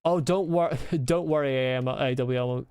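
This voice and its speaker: Smooth and slightly mellow, this mid-range male voice moves at a moderate pace with a mild Scottish accent. The Scotsman is streaming a game and chatting loosely, answering viewers' messages with chuckles and meandering asides.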